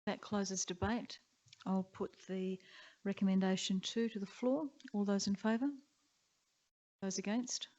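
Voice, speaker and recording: Woman chairing a council meeting, flat voice. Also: mid-range voice. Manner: brisk, procedural. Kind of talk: formal meeting procedure. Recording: dull muffled council chamber audio.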